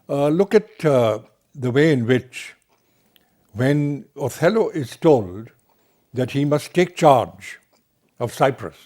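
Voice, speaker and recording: A middle-aged man lectures on literature at a slow, measured pace. He leans on key words with deliberate emphasis, and his voice sits in an ordinary, mid-range pitch. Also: a little mellow.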